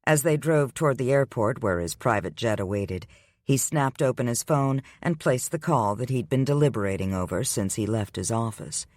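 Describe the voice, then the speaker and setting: Male narrator, romance audiobook, steady even read, mid-pitched voice, dry sound. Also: moderate pace, dry recording.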